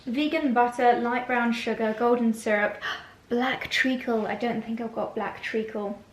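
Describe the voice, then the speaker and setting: A woman's voice: a little high, steady tone, unhurried, reverberant, rough recording. A British woman chatting casually to viewers in a vlog, with a slight lisp and whistling s from a dental brace. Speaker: lifestyle vlogger.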